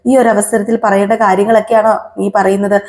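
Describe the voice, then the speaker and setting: A woman voicing a worried middle-aged father who calmly pleads and reproaches. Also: mid-range voice, quick pace, lightly acted. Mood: concerned.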